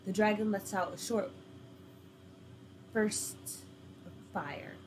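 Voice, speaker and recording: A woman's voice: mid-range voice, steady tone, slow, noisy background. A woman reading an interactive story game aloud, with casual, laughing asides.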